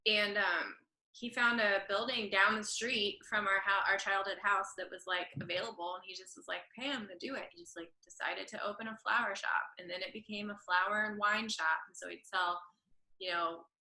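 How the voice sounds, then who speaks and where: A woman's voice: mid-range voice, fairly even intonation, moderate pace, sharp tone, echoey room, poor audio. A woman, a guest telling a long story in a chatty, rambling way and correcting herself as she goes. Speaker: podcast guest, florist and creative director. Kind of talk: casual storytelling interview.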